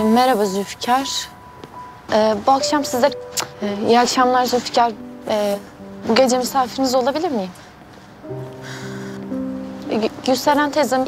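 A woman's voice: fairly high pitch, steady tone, moderate pace, pauses often, music in the background, close to an everyday voice. An actress playing a nervous young woman who stumbles while rehearsing a polite greeting.

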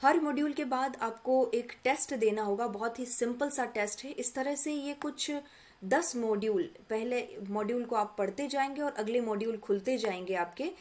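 A woman's voice: on the high side, moderate pace, background noise. A woman mentor walking students through an online course portal in a patient, step-by-step tutorial. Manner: patient step-by-step explaining, addresses students directly. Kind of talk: screen-recorded tutorial walkthrough.

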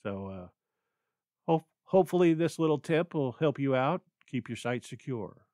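Male podcast host, mid pitch, rambling and stammering, dead-dry close-mic sound. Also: lively intonation, normal speed, mellow, dry recording. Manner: rambling, stammering with many fillers. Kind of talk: unscripted solo podcast talk.

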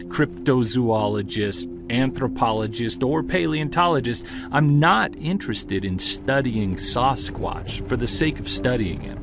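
In an audio-drama journal, a medium-pitched man plays a driven, defiant Bigfoot hunter, narrating with earnest intensity and emphatic pauses.

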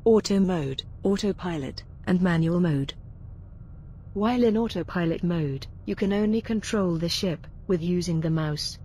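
A woman voicing a calm female ship AI, an uploaded mind guiding a pilot in measured, instructive game dialogue. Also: on the low side, a little hiss or hum, close to an everyday voice. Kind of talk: scripted game tutorial dialogue.

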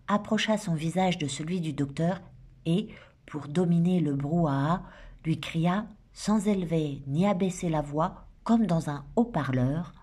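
A woman with a fairly low voice narrates a novel in a steady, measured read-aloud. Her delivery stays even and clear, with no rush. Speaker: audiobook reader.

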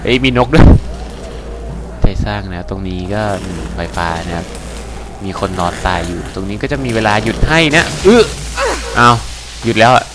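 A man's voice: on the low side, expressive, normal speed, long pauses. A man giving casual, crude, joking commentary while playing a game and translating its lines. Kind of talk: casual let's-play commentary. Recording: game music playing underneath. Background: game music.

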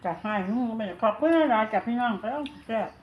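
A woman's voice: on the high side, rapid-fire, lo-fi sound. A woman with a northeastern Thai Isan accent addressing viewers casually over a meal, talking with her mouth full. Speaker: food vlogger addressing viewers. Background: clear background noise.

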